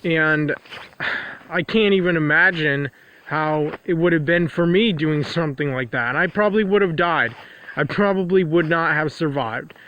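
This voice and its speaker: Outdoors in the cold, a vlogger delivers a rambling, confessional monologue in a stuffed-up, nasal voice a bit higher than most men's, his nose running. He keeps repeating himself, putting the same point several different ways. His pace is moderate and the recording's highs are cut off.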